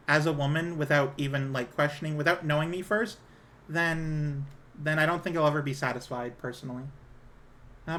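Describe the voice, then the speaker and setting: This live streamer is a woman whose feminine voice sits low yet has a slightly bright quality. Her casual chat is tentative, full of apologies and self-conscious.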